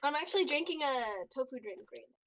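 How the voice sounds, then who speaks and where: A woman's voice: high voice, expressive, fast talker, bright, forceful tone, a little hiss or hum, rough recording. Frank young woman in podcast chat. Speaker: podcast co-host.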